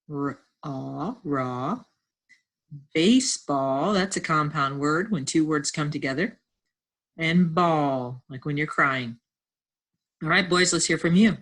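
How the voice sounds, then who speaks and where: A woman teacher giving a lesson from home, patiently sounding out words and encouraging her class. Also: low-pitched.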